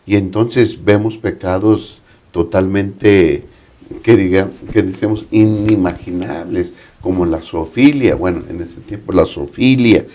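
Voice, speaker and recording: Un hombre mexicano que explica un texto bíblico en un panel, con preguntas retóricas. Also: male voice, deep voice, a little slow, warm tone. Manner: explanatory, asks rhetorical questions. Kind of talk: Bible study panel discussion.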